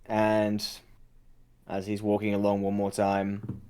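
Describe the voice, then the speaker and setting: A man serving as game master in a tabletop game, narrating the scene in a relaxed, chatty way. His voice is on the low side and he laughs easily, peppering his lines with fillers. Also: slow pace, smooth. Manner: casual, laughs often, many fillers.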